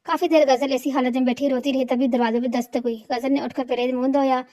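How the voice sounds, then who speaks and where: A woman reading a romantic novel aloud in a steady storytelling voice, voicing every character herself. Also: sits high. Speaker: novel reader.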